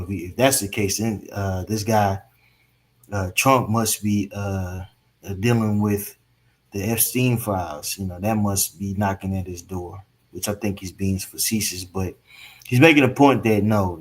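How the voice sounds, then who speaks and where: Man, co-host, lowish voice, rambling, filler-heavy, slangy political chat. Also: steady tone, measured pace.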